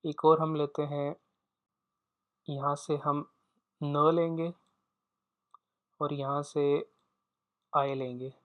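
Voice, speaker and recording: A man teaching a pronunciation lesson, saying each sound slowly and repeating it for learners to copy. His first language is Urdu. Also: fairly high pitch, flat delivery, smooth, dull audio. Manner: slow, deliberate, repeats each sound for practice.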